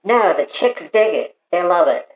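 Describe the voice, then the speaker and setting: A man's voice: high-pitched, expressive, voice pushed up. A man putting on the voice of a touchy male caller who talks through a paper towel tube and hates being talked over. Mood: plain, defensive. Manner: defensive, quickly takes offense. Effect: talking through a paper towel tube. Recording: hollow muffled echo through a cardboard tube.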